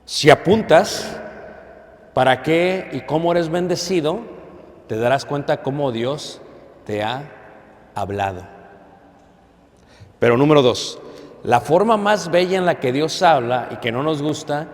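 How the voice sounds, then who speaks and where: A man preaching a sermon to a congregation, with dramatic pauses, loud emphasis and questions to the listeners. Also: fairly high pitch. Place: church hall. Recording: long hall reverb.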